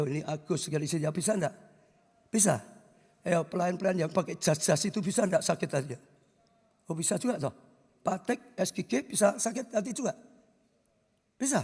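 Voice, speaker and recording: Man, pastor, sermon, animated storytelling, husky, long church-hall reverb. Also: on the high side.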